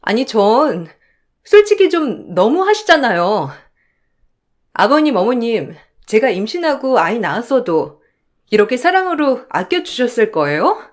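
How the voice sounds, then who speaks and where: A woman's voice: on the high side, big pitch swings, measured pace. A woman voicing a jealous young in-law in a radio drama who whines and pleads. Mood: whiny. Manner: pleading, whining.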